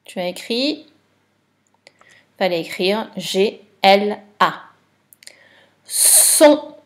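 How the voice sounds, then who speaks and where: A woman's voice: mid-range voice, slow, fairly bright tone. A woman teacher giving a patient dictation lesson for a child, spelling letters and syllables one by one.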